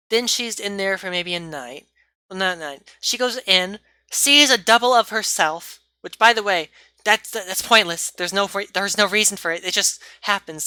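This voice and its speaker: A woman talks through a horror film review in a loose, rambling way, catching her own mistakes and apologizing as she goes. Her voice is bright and a little sharp. The sound is close and dry. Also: medium pitch, no room sound. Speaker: movie reviewer. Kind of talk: casual movie review chat.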